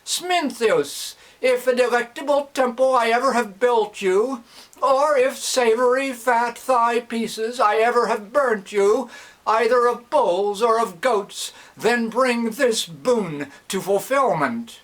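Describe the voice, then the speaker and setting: A male reciter plays an old priest in an epic poem, solemn and fervently pleading. The voice is lifted high and the dactylic verse is declaimed very slowly, beat by beat. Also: lively intonation, a bit bright, full character voice, low-quality recording. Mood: fervent prayer. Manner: declaiming in slow, metered cadence.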